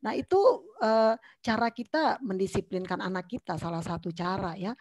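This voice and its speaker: A middle-aged woman pastor giving an online seminar talk on parenting, telling family stories with earnest warmth and acting out the dialogue. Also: medium pitch, moderate pace, no room sound. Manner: storytelling, acts out family dialogue; earnest and warm, addresses listeners as Ibu. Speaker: pastor and guest speaker.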